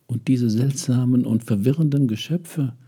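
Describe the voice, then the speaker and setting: A man's voice: medium pitch, normal speed, dark tone, slightly rough, voice pushed up. A man doing a sly, smiling magician. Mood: knowing.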